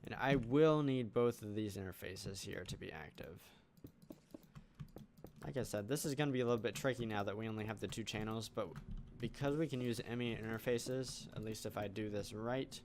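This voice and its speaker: A man's voice: fairly low pitch, normal speed, slight background noise. A man hosting a game channel, thinking aloud in casual let's play commentary as he builds. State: hiccuping. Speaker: gaming channel host.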